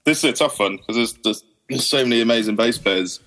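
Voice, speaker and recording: A man's voice: medium pitch, brisk, a bit bright, faint music behind. A man, a guest guitarist, chatting casually and enthusiastically on a podcast, swearing freely and trailing off with "you know".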